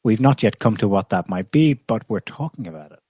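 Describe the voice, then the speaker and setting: A man co-hosting a political discussion, reading out quotes and analysing them in a measured way. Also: fairly low pitch, expressive, warm tone, no echo. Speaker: co-host. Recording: muffled dry audio.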